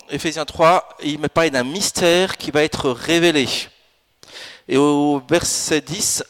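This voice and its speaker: A pastor in his fifties preaching a sermon in a church, with an animated delivery that rises into emphatic bursts. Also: on the high side. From France and Italy. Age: 50s. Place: church in Alsace.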